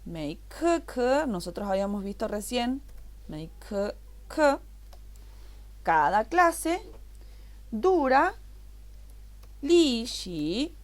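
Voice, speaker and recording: A woman's voice: on the high side, big pitch swings, very slow, long pauses. A woman teaching a recorded online language class, explaining patiently and repeating each word step by step.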